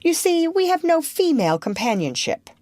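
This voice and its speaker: A woman voicing Peter Pan, a cocky, cheerful boy who never grows up, in a high, boyish, boastful tone for an audiobook. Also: big pitch swings, moderate pace, a little mellow, no echo. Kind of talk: audiobook character reading.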